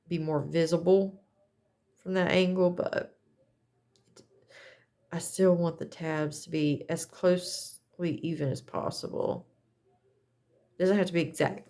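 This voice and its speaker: A woman's voice: sits low, a little mellow. A woman chatting casually as she demonstrates a craft setup, talking in a folksy way and correcting herself as she goes. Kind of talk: casual how-to chat.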